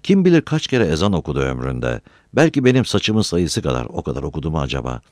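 A man reading a novel aloud as an audiobook narrator, with an expressive storytelling delivery. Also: extremely low pitch, fast talker, dry recording. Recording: dry close recording.

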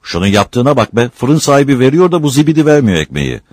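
A man doing a rough, hot-tempered young laborer. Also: deep voice, lively intonation, brisk, dry recording, clean studio sound, pitched above the performer's own voice. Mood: grumbling. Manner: blunt, rough-spoken. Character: strong young male dough kneader, rough and hot-tempered.

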